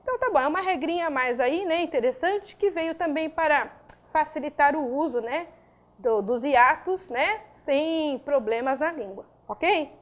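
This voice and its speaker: A woman's voice: sits high, expressive, normal speed. A woman teaching a recorded grammar lesson, spelling out rules and checking in with listeners as she goes. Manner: didactic, checks in with frequent tags.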